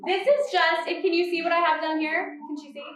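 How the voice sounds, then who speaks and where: A woman's voice: very high voice, fairly even intonation, fairly quick, a bit bright, heavy reverb, distant mic, rough recording. A woman hosting a live decorating tutorial, chatty and bubbly, laughing often as she works. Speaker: holiday decorator and host. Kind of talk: live-stream tutorial chat. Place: decorating studio.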